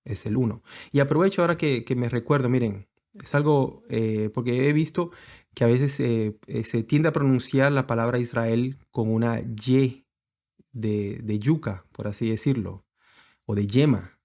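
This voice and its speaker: A man's voice: mid-range voice, normal speed, a little mellow. Hesitant man teaching a sermon. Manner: hesitant, many fillers and restarts, explanatory. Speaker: congregation teacher.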